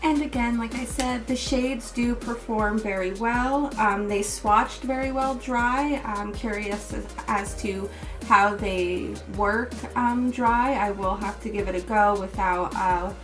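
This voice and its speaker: A beauty vlogger with a slightly raised, slightly hoarse voice walks through a makeup look slowly and casually, step by step and relaxed, full of fillers, in a mix of tutorial and review. She sits back from a distant microphone while clear music plays behind her.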